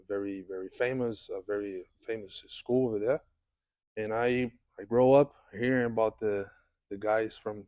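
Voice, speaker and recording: In a podcast studio, a Brazilian jiu-jitsu instructor answers interview questions, speaking haltingly with lots of restarts and fillers. His voice is fairly low and darkish, with no echo.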